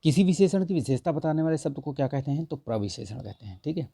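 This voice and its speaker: Hoarse guy teaching hindi grammar for an exam, gravelly dark voice, says "theek hai" every other line, dry close mic. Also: a little high, expressive, fast, no room sound. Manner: repeats "theek hai" constantly, corrects answers with mild humor. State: hoarse, sore throat. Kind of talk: Hindi grammar lesson, going through a test.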